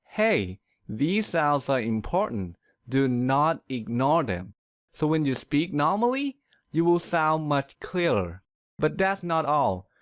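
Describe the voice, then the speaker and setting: Clear, lively male pronunciation teacher. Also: fairly high pitch, no room sound, studio quality. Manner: clear, deliberate explaining with demonstrated words. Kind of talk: scripted instructional narration.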